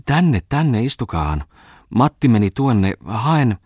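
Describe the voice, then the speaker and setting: A man's voice: mid-range voice, sing-song, a little mellow, slightly rough, no room sound, studio quality, pitched above the performer's own voice. A man reading an audiobook voices a bustling, talkative farm wife who fusses eagerly over a wealthy guest. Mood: flustered eager. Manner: eager, fussing, hospitable. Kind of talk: audiobook character voice.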